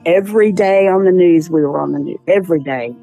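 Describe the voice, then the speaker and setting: A woman's voice: fairly low pitch, a little fast, gravelly, mellow, soft background music, rough recording. A middle-aged woman recounting a personal ordeal in an interview, emotional, with nervous laughs, acting out the people she quotes. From East Texas. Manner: emotional, laughs nervously, acts out quoted voices, voice climbs when indignant. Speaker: interviewee, accused mother.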